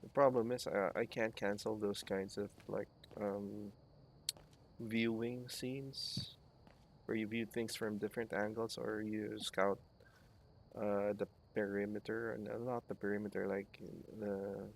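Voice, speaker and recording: A man giving casual let's play commentary, hesitant and halting as he thinks aloud. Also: lowish voice, flat delivery, vocal fry, a little hiss or hum.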